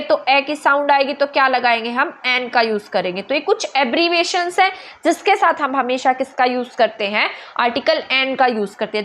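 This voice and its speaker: A woman teacher with a Hindi accent explaining grammar step by step, asking and answering her own questions and spelling letters out slowly. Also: high voice, fairly bright tone. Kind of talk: online grammar lesson.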